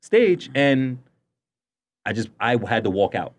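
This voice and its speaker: A man's voice: mid-range voice, sing-song, slow. A young man co-hosting a casual podcast chat, telling stories with lots of restarts and laughter. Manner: rambling storyteller, stammers and restarts, laughs often. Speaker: podcast co-host.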